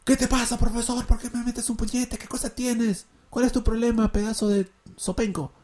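A man's voice: extremely high pitch, flat delivery, normal speed, warm tone, slight background noise, pitched above the performer's own voice. A male teacher voicing an indignant student who has just been hit, firing off angry questions. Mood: outraged. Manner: raised, outraged questioning.

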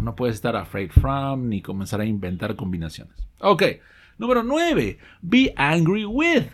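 A man teaches an audio lesson with a lively voice whose pitch swings up and down. He explains each phrase patiently, reads the example sentences slowly, and stops often to check in with his listeners and fix his own slips. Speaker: English teacher.

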